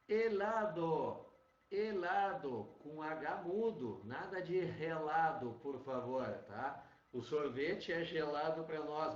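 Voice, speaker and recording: Slow-talking male Spanish teacher in an echoey classroom. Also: fairly high pitch. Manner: chatty and repetitive, tag questions. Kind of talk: classroom lecture. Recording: muffled classroom recording with echo.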